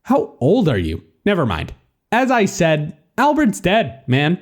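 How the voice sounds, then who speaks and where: A man narrating his own audiobook in a sardonic, profane, deadpan way. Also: high-pitched, unhurried.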